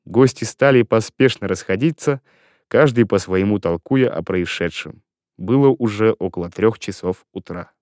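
A man narrating classic prose with expressive storytelling. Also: on the low side, moderate pace, dry recording, clean studio sound. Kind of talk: audiobook reading of classic prose.

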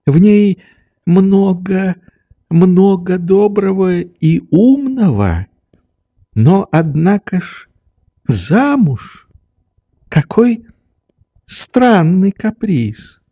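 A male narrator puts on a fussy, methodical old doctor from a storybook reading, his voice lifted high and soft. He drags out each phrase in a slow, patient scold that never turns to anger. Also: very animated, dry recording, highs cut off, heavily acted. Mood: confiding. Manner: slow, measured, gently reproving. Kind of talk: audiobook character reading.

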